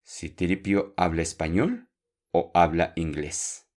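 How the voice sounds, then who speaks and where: Slow, low-voiced man teaching Spanish. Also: music in the background. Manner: slow, clear, repeats words for learners; encouraging. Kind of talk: podcast language lesson.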